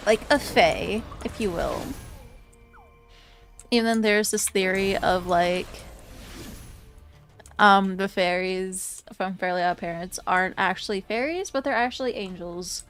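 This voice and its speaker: A woman's voice: medium pitch, a little slow, long pauses, fairly bright tone, faint music behind. A woman in her twenties chatting casually with her stream viewers, rambling and giggly with lots of fillers. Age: 20s. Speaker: VTuber streamer.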